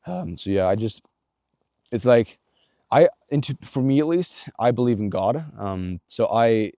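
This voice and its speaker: This time his mid-range, mellow voice is unhurried as the young self-improvement vlogger speaks straight to the viewer. The talk stays blunt and earnest, a coaching pep talk laced with frequent swearing, "like" fillers and restarts. Echo-free studio recording.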